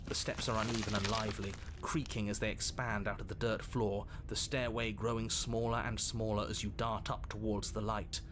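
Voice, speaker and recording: An actor playing an unseen narrator in a video game, theatrical and dramatic, with exasperated asides. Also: male voice, fairly low pitch, level tone, normal speed, few pauses, background noise, close to an everyday voice. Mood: ominous narration. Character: unseen male narrator and excitable inner voice guiding hero.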